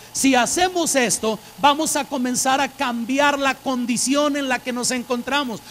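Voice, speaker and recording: A man's voice: very high voice, a bit bright. A man preaching a sermon to a church congregation, repeating phrases for emphasis and asking the listeners direct questions. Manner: emphatic, repeats phrases to drive points home.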